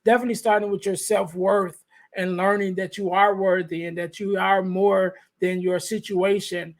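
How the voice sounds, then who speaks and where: On a podcast microphone, a man hosts an interview-style conversation with a flat delivery. His voice is light and high, and he speaks softly and haltingly, full of restarts and fillers as he works out his thoughts.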